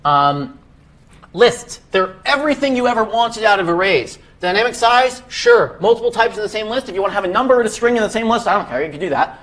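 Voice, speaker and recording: A young man with a high voice leads a casual live coding lesson in a classroom. He talks loosely, stacking fillers and restarting his sentences as he goes. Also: expressive, a little fast, fairly bright tone. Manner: casual, many fillers and self-corrections. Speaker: workshop instructor.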